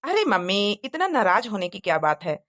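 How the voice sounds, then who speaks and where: A woman voicing a caring young husband who coaxes his mother and wife gently in a cartoon moral story. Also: mid-range voice, very animated, normal speed, no room sound, clean studio sound. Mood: coaxing. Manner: coaxing, gentle.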